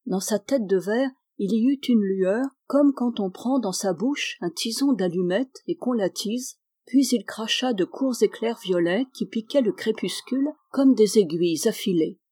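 A woman narrating a literary novel in a measured, expressive reading. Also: medium pitch, husky. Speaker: audiobook reader.

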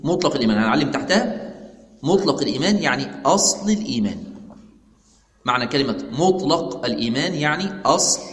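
A man's voice: on the high side, lively intonation, fast. A man with an Egyptian Arabic accent teaching a religious lesson, asking his class questions and answering them himself, repeating the key points. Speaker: sheikh teaching a religious text. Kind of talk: religious lesson explaining a text. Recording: echoey hall.

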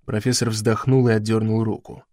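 A man narrating an audiobook in a measured, dramatic way. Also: on the low side, level tone, darkish tone, no echo, clean studio sound.

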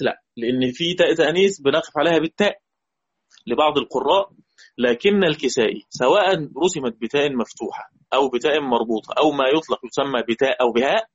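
A man's voice: on the high side, slightly rough, lo-fi sound. A man with an Egyptian Arabic accent teaching a Quran recitation lesson, patiently repeating key points and putting questions to his students. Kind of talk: explanatory lesson.

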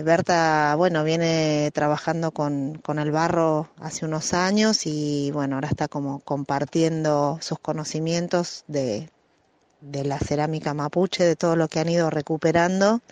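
A woman with an Argentine accent hosting a radio interview, attentive and prompting with soft acknowledgments. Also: deep voice, no room sound. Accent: Argentine Spanish. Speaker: radio host.

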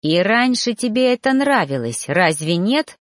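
A woman voicing a possessive young male lover in a storybook reading, talking low and intense. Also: very animated, a little slow, dry recording, clean studio sound. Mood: angry.

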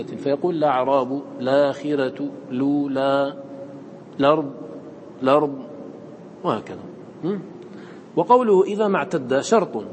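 A man's voice: on the high side, a little mellow, a little hiss or hum. A man teaching Quran recitation in a classroom lesson, asking his students questions and answering them himself, sometimes chanting verses in a melodic recitation.

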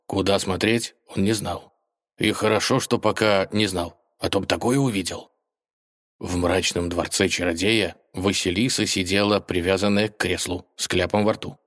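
Deep-voiced male audiobook narrator. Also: a bit bright, dry recording, clean studio sound. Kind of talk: scripted narration.

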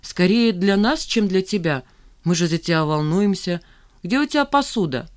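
A nosy male friend , as an audiobook reader plays him, chatters with eager curiosity. He runs through the rumours in an animated, slightly self-important voice at a middle pitch. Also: normal speed, natural voice. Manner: gossipy, animated. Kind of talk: audiobook character voice.

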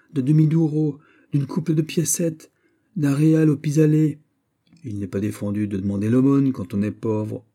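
Man doing a gruff, sly old sailor. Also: lowish voice, warm tone. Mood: wheedling.

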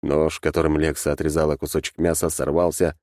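A man's voice: rumbling low, level tone, brisk, darkish tone, no echo. A man narrating an audiobook on a close studio mic.

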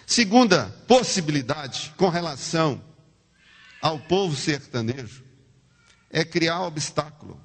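Husky preacher, lively. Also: male voice, a little high, a little slow. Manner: animated, calls the congregation to repeat words. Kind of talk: sermon. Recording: long hall reverb.

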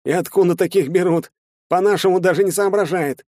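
A man playing a loud crude soldier. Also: a little high, animated, unhurried, dry recording, clean studio sound, pitched above the performer's own voice. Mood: mocking. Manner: coarse shouting. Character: crude brash male soldier, loud mocking bully.

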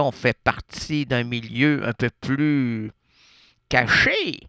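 A man's voice: fairly high pitch, bright, forceful tone, dry recording, clean studio sound. A man with a Québécois accent hosting a radio show, rambling through absurd monologue and playful wordplay with lots of hesitations. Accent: Québécois French. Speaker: radio host. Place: radio studio.

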